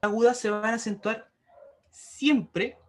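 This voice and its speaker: Casting: male teacher, high-pitched voice, patient, repeats rules, online class. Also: fairly even intonation, unhurried. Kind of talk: explaining grammar rules to a class. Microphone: computer mic for an online class.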